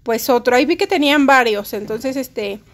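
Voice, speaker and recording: Mexican woman in her thirties, high voice, casual vlog chat, roomy sound with noise behind. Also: normal speed. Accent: Mexican Spanish. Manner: chatty, talks straight to her viewers. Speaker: vlogger and homemaker. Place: home kitchen indoors, later outdoors at a park.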